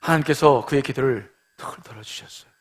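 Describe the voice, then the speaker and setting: A man's voice: medium pitch, fairly quick, slightly rough. A middle-aged male pastor giving a sermon in a conversational style that swells into emphatic passages.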